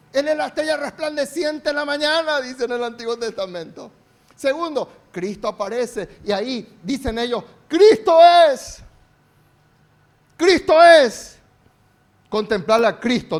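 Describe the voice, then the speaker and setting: A male pastor with a Paraguayan Spanish accent, preaching a sermon with emphatic calls for the congregation to repeat after him and strings of rhetorical questions. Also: high-pitched. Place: church service.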